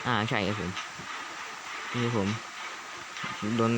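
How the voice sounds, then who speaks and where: Excitable young man narrating gameplay. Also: takes it slowly. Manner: excitable, shouts at the game, swears casually. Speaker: gaming YouTuber. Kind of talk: casual game commentary. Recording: loud background noise.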